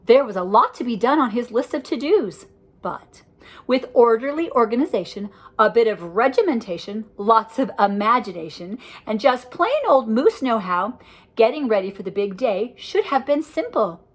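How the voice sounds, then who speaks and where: Reading aloud to children from a rhyming picture book, an older woman keeps a cheerful, singsong rhythm and breaks off to chat about the pictures. Her pitch is fairly high and her pace moderate.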